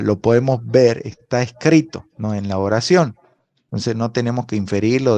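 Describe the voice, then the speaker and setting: A man's voice: mid-range voice, a little mellow. A man teaching a language class over a video call, explaining patiently and often checking in with a questioning "right?". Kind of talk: online class lecture. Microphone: video call microphone.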